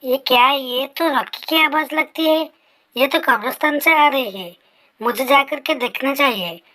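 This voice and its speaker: A woman's voice: high voice, normal speed, bright, forceful tone, rough recording. A woman voicing a stern, worried middle-aged father in a Hindi horror story, scolding and giving urgent orders. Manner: scolding, commanding.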